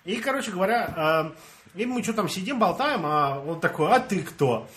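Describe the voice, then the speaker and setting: A young man from Russia, his voice sitting high and his pace moderate, shares a story in a relaxed conversation with friends. Lively and expressive, he acts out what each person said and laughs a lot.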